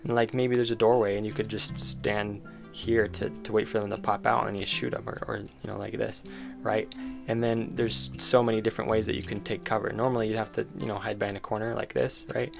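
Presenting his own game, a man gives loose, excited demo commentary and reasons aloud along the way. His gravelly voice sits on the low side, delivered flatly and fairly quickly with few pauses, over background music.

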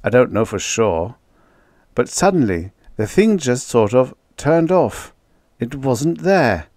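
A man voicing a calm but insistent male fighter pilot. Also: mid-range voice, slow, dry recording, studio quality, pitched above the performer's own voice. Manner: earnest, insistent.

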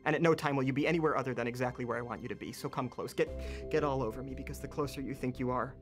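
A cocky male magician acted by a man in a film drama. He talks very fast in a mid-range voice, smug and sarcastic, taunting his questioner, with faint music behind. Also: mid-range voice, fairly even intonation, close to an everyday voice. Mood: cocky, challenging. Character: cocky, smug young male stage magician under interrogation.

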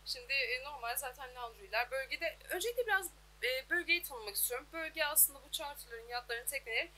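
High bright-voiced woman interviewer. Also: lively intonation, fairly quick, a little hiss or hum, low-quality recording. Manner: formal, polite presenter talk. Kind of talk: local TV interview. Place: outdoor laundry workshop.

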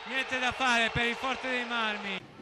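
A man commentates a match live in a high voice at a slow, spaced-out pace. The recording is noisy, with the knocks of play behind him. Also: fairly even intonation, over a noisy crowd. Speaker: sports commentator.

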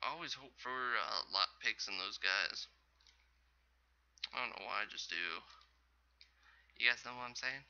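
A man's voice: mid-range voice, measured pace, creaky, long pauses, sharp tone, lo-fi sound. A man giving casual, rambling commentary over his own gameplay as host of a gaming channel, often correcting himself. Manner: rambling, chatty, self-correcting.

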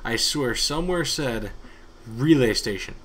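A man giving casual, excitable commentary over his own gameplay, yawning and talking to himself. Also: mid-range voice, a little slow, husky. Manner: chatty and excitable, talks to himself, hums along. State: sleepy, yawning. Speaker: gaming YouTuber.

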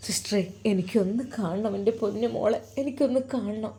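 A woman's voice: a little high, moderate pace, mellow, lightly acted. A woman voicing a young man, an anxious and protective brother, pleading and anguished.

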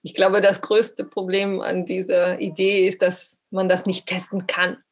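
A woman's voice: medium pitch, completely flat delivery, unhurried. A woman from Italy, a cultural mediator speaking hesitantly, with many fillers, in a casual dinner-table discussion. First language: Italian. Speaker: panel participant, cultural mediator.

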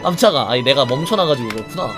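A man streaming a fighting game, bantering crudely with lots of swearing, teasing and mock outrage, and answering viewer comments out loud. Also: medium pitch, expressive, very fast, music in the background. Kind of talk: casual gaming stream commentary.

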